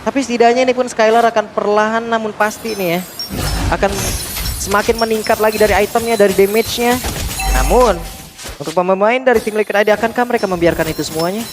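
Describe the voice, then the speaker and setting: A man's voice: high voice, quick pace. A man doing live esports commentary like a hype fighting game announcer, calling the action in long breathless runs. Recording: music running behind the voice. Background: music.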